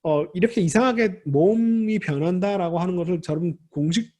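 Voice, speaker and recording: A man's voice: sits high, a little fast, a little mellow. A man teaching a recorded grammar lecture, patiently explaining, repeating key words and reassuring students directly.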